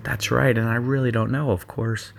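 A man coaching student athletes through a guided visualization recording, speaking in a slow, soothing, hypnotic cadence full of repetition. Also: mid-range voice, fairly even intonation, creaky, slight background noise. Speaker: sports performance coach.

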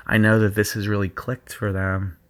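A man coaching student athletes through a guided visualization recording, speaking in a slow, soothing, hypnotic cadence full of repetition. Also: lowish voice, flat delivery, a bit bright. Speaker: sports performance coach.

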